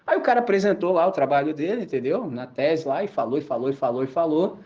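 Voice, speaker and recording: Animated man preaching with lively pitch. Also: quick pace. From Brazil. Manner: animated storytelling, slangy and laughing. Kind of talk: sermon with anecdotes. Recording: dull lo-fi recording.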